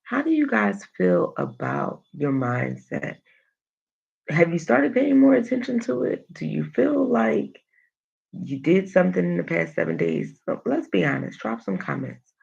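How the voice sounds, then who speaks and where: Gravelly woman giving an unhurried motivational pep talk. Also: lowish voice, very animated, a little mellow, highs cut off. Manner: emphatic, repeats phrases for emphasis. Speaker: host of a motivational livestream, coach. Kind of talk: motivational livestream talk, reading and answering comments.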